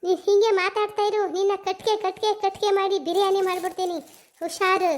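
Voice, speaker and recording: A performer voicing a sharp-tongued, hot-tempered young village woman who scolds in a shrill cartoon voice with a Mysore Kannada accent. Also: level tone, a little fast. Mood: angry scolding.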